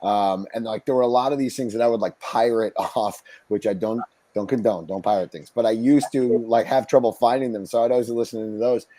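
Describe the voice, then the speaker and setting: A man's voice: medium pitch, fairly quick, few pauses, warm tone, no echo. A man chatting casually as a guest, with an informal, effusive, slangy way of talking. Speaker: guest performer. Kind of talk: casual chat.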